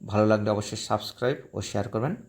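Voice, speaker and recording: Man, teacher, Sanskrit recitation, slow syllable-by-syllable, patient explaining. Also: on the low side, a little mellow. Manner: chants Sanskrit then explains in Bengali. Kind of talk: recorded reading lesson.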